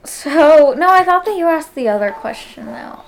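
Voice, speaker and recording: A woman's voice: high-pitched, lively intonation, moderate pace, a little hiss or hum, rough recording. A young woman in her late teens co-hosting a casual podcast chat, giggly and teasing, with the hiccups. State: has the hiccups. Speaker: podcast co-host.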